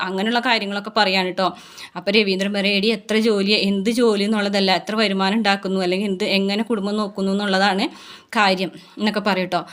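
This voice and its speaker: Woman rattling off a serial recap, fast and chatty, reads out the characters' lines in her normal voice. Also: medium pitch, fairly bright tone. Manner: brisk retelling, quoting characters in a plain voice. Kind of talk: casual story recap narration.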